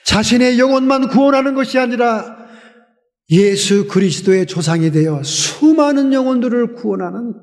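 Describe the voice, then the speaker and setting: Male pastor, sermon storyteller, emphatic and questioning, high pitch, echoing sanctuary. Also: lively intonation, normal speed. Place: church sanctuary. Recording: long church reverb.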